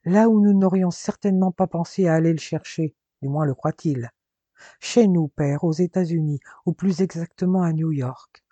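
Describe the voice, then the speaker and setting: A man's voice: fairly high pitch, normal speed, mellow, no room sound, dull audio, close to an everyday voice. A man voicing a grieving young man set on revenge, speaking with fierce determination. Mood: determined. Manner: intense, determined.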